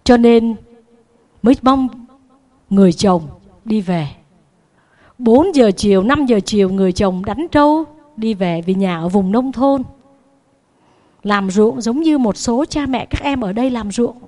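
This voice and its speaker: A Buddhist nun telling a moral story to children in a sermon, animated and swinging in loudness and pitch. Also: female voice, a little slow, long pauses.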